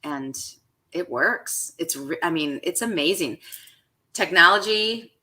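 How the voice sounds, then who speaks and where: A chef and coach with a Chicago accent appears as a guest on a radio show, chatting with enthusiasm and animation in a casual interview. Her voice is lowish and her pace slow.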